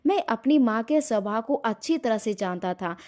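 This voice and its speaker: A woman's voice: on the high side, animated, normal speed, darkish tone. A woman narrating an emotional family story in the first person, giving every character her own voice. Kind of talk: scripted narration.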